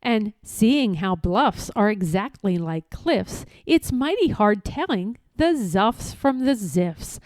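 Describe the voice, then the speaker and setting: A woman with a medium-pitched voice reads a rhyming children's storybook aloud, playful and expressive, with deliberate, emphatic phrasing. There's no echo on the recording.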